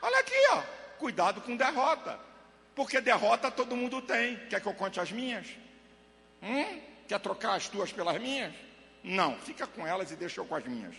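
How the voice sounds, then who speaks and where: A man preaches to his congregation with a high, very bright, piercing voice that leaps up and down. He swings from shouted lines to low murmurs. A long reverb from the church hall trails every phrase. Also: big pitch swings, normal speed, creaky. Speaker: pastor. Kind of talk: Pentecostal sermon.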